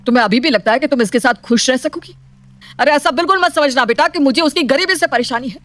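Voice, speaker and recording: A woman's voice: high-pitched, quick pace, fairly bright tone, faint music behind. A woman voicing a stern wealthy father. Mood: lecturing. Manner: commanding, scolding. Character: stern wealthy middle-aged father, strict and proud. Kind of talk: animated storybook voice acting.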